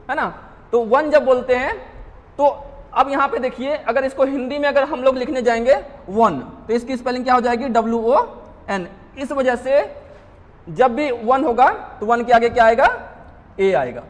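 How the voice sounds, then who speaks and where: High pitched guy teaching grammar for exams, lots of rhetorical questions, echoey room. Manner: explains step by step, asking rhetorical questions and answering them himself; adds frequent checking tags to keep students following. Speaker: English grammar teacher at a coaching class. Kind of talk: exam-prep lecture.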